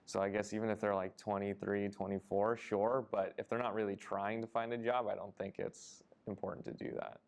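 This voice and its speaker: Low, flat, gravelly young man. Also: fairly quick, hardly any pauses. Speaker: interviewee. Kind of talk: answering interview questions.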